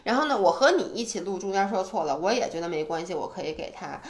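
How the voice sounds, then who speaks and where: A woman co-hosting a podcast in casual chat, animated and self-deprecating, speaking with a tinge. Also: on the low side, quick pace. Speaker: podcast co-host.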